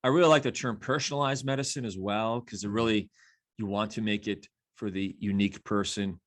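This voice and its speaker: A man's voice: lowish voice, steady tone, fairly quick. A man in his fifties with a New Jersey accent, a physician guest talking eagerly in a casual interview and fond of rhyming catchphrases.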